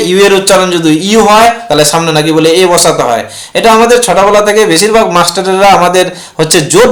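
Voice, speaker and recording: A man's voice: high-pitched, fairly bright tone. A man teaching an English grammar lesson who keeps asking questions and answering them himself. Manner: repetitive, asks and answers his own questions. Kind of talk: classroom lesson explaining rules.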